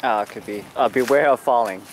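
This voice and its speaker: A man's voice: medium pitch, brisk. A man chatting casually and in a rambling, easygoing way as he films a travel vlog outdoors. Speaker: vlogger filming his trip. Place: outdoors at a park lake, on bridges and paths. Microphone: handheld camera mic, speaker behind the camera. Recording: noisy open-air camera recording.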